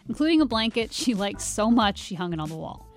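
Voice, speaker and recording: A woman reporter narrates a news feature in a clear, even storytelling voice. Her pitch sits in a middle range. Soft music plays faintly behind her. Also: brisk. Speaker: radio reporter. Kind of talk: scripted narration.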